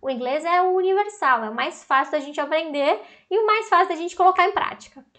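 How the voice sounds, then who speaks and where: A woman with a Brazilian Portuguese accent giving an online English pronunciation lesson. She talks in an animated way, puts many questions to the viewers and says English words aloud as models. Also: very high-pitched, fairly quick. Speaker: English teacher.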